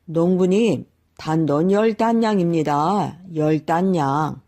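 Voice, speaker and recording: A woman voicing a sly old man who makes masks, speaking slowly and knowingly and calling out to buyers at a market. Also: lowish voice. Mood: hawking. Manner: unhurried, knowing, hawking loudly at market.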